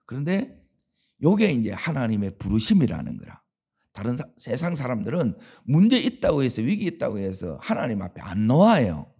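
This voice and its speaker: A man's voice: mid-range voice, sing-song, moderate pace, warm tone, breathy edge. A man preaching a dawn sermon as pastor, with a Gyeongsang Korean accent, talking conversationally and asking the congregation rhetorical questions.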